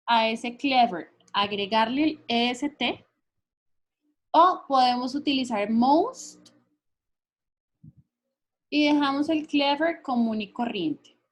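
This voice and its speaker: A woman teacher explaining English grammar rules patiently, often checking that her students follow along. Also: on the high side. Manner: patient, checks understanding with frequent questions. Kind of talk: recorded grammar lesson explaining in Spanish.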